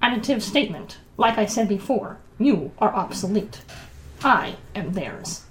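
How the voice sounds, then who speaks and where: A woman's voice: medium pitch, sing-song, unhurried, slight background noise, rough recording. A woman voicing an arrogant male combat droid in a tabletop game, boastfully announcing each kind of sentence. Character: sleek new male combat droid, arrogant, mocking villain. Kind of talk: tabletop role-play.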